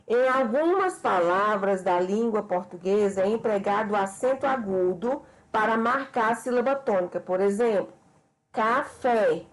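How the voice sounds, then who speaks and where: A Brazilian woman teaches a remote grammar lesson, explaining slowly and patiently and speaking directly to her students, whom she calls "pessoal". Her voice is medium-pitched, and the recording quality is low.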